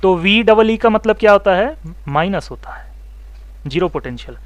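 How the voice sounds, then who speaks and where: A man teaching mobile phone repair, explaining circuits step by step, asking students questions and telling them to take notes, and talking fast. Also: sits high, expressive, no echo. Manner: talks fast, says so himself. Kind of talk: online electronics lesson.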